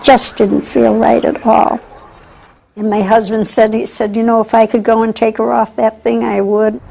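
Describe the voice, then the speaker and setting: A woman's voice: a little high, level tone, normal speed, gravelly, warm tone, low-quality recording. An older woman giving a conversational interview, recalling events and quoting what others said. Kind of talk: personal recollection in interview.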